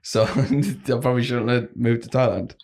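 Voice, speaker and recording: A man's voice: mid-range voice, moderate pace, darkish tone. A young man co-hosting a casual podcast, laughing often and swearing freely. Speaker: podcast co-host. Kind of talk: casual banter.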